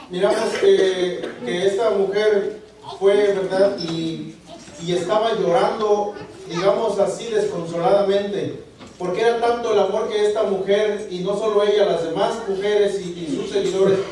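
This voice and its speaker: A man preaching a sermon, halting and repeating words as he asks the congregation for agreement. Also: high voice, a little mellow. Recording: echoey room, voice from far off the mic.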